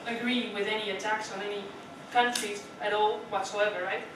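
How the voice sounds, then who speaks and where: The speaker is a young Dutch woman of medium pitch who talks at normal speed with fairly even intonation, presenting a prepared speech to a club. Chatty in manner, she questions the audience and often adds "right?". Distant, echoey meeting-room audio with noise.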